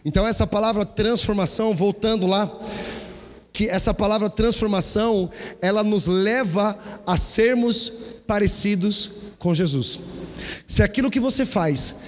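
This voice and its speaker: Pastor preaching in a reverberant hall. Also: male voice, high voice, moderate pace. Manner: lively storytelling, calls listeners brother. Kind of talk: sermon. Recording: long hall reverb, faint noise.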